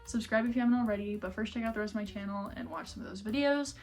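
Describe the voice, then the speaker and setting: A woman's voice: mid-range voice, racing, darkish tone. A young woman with an American accent chatting casually and ramblingly, in a self-deprecating, giggly way, as a vlogger. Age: young adult. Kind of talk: casual chatty vlog while organizing books. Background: background music.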